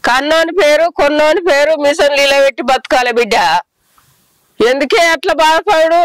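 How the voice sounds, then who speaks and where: A woman playing an older village mother who consoles her married daughter with slow, repetitive reassurance, in a Telangana Telugu accent. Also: sits high, fairly bright tone, no echo, low-quality recording. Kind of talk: village short film drama.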